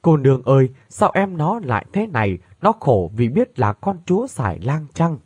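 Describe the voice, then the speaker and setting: A man's voice: mid-range voice, big pitch swings, moderate pace, husky, dry recording. A man voicing a grieving middle-aged mother who tells her story through sobs in a read-aloud tale. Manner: sobbing, trembling lament.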